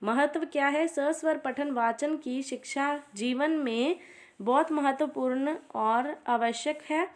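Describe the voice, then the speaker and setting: A woman. She reads points off in a steady run of lists. She breaks the lists with short "theek hai ji" asides. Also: high-pitched. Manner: steady list-reading, frequent "ठीक है जी" asides. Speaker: teacher. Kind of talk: exam revision lecture.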